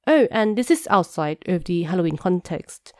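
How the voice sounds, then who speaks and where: A woman's voice: lowish voice, big pitch swings, normal speed, no room sound, studio quality. Congested nasal-voiced woman explaining. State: congested from a cold. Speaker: video creator. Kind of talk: scripted explainer talk.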